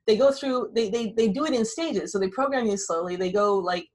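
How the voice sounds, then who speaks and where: A woman's voice: mid-range voice, a little fast. A woman hosting a podcast interview, talking in a wry, rambling way with frequent self-corrections. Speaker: podcast host. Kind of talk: casual conversational interview.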